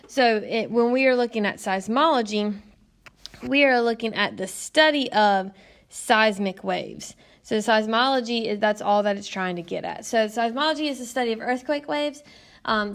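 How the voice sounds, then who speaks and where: A woman teacher narrating a recorded lesson in a patient, explanatory way, often pausing with "um". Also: on the high side. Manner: patient, explanatory, frequent "um" fillers. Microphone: tablet screencast mic.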